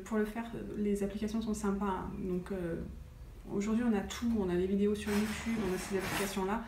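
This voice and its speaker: A woman with a mellow, medium-pitched voice vlogs about wellness in a casual chat to the camera, chatty and full of hesitations. The recording sounds roomy, with faint noise.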